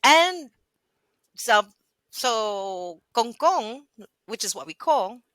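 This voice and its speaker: Bright-voiced woman mixing in Spanish. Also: on the high side, big pitch swings, very slow, no room sound. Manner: chatty, slips into Spanish mid-sentence. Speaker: podcast co-host. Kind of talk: casual chat between cousins.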